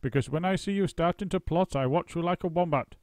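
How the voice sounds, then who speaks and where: A man voicing a spiteful, nasty old woman with a high, screechy, cackling voice. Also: fairly quick, a little mellow, no echo, lightly acted. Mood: menacing cackle.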